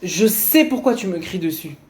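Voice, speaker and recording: A man doing a gentle, humble husband. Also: high-pitched, expressive, moderate pace. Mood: earnest. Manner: soft, polite, earnest.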